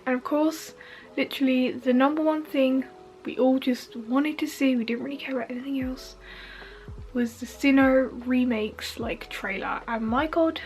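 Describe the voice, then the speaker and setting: A young woman, sniffly from allergies, gushing and rambling excitedly in a casual vlog at home. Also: high voice, soft background music, low-quality recording. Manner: gushing, giggly, fast and rambling with many fillers. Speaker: YouTuber reacting to a game trailer. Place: home front room.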